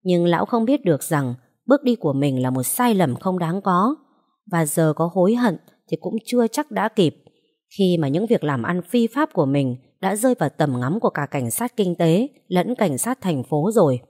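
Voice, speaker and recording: A woman narrating an audiobook story in a steady, expressive way. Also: on the low side, moderate pace.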